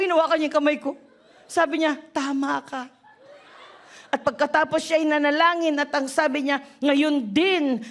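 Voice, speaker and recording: A middle-aged woman pastor preaches an animated testimony sermon, shifting from laughter and shouting down to soft, low tones.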